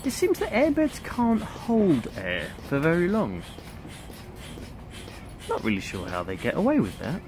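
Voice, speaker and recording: Standing under a tent awning at a windy campsite, a thirtysomething vlogger who leads youth camps chats to camera. His voice is a little high and swoops wildly in pitch, moving at a measured pace with frequent pauses. Wind and other outdoor sounds can be heard.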